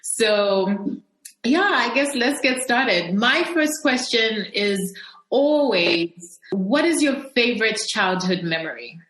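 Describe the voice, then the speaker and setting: A woman's voice: on the high side, animated, slow, fairly bright tone. A woman hosting a podcast, giving a cheerful, welcoming introduction and then asking a guest questions. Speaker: podcast host. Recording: echoey room.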